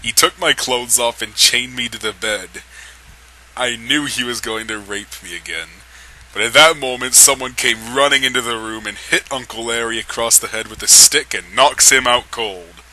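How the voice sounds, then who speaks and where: A man with a mid-range, bright and forceful voice reads amateur fan fiction aloud dramatically at normal speed, clearly amused and often fighting back laughter in this comedic read-aloud. The audio is poor, with a little hiss or hum.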